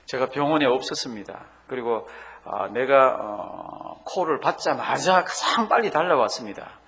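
A male pastor voicing a calm, patient male surgeon who replies politely within a sermon story. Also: mid-range voice, moderate pace, lightly acted.

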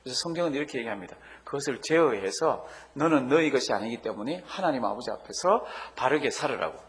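Male pastor, mid-pitched, preaching and retelling a story in a church. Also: animated, fairly bright tone. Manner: earnest storytelling with frequent pauses and fillers. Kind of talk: sermon.

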